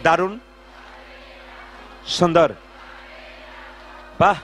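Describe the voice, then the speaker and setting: A man preaching at a devotional gathering, telling stories and urging the crowd to chant along louder. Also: sits high, steady tone, drawn-out words, a little hiss or hum. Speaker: kirtan singer and preacher. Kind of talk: devotional sermon and call-and-response chanting. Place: large gathering with live audience.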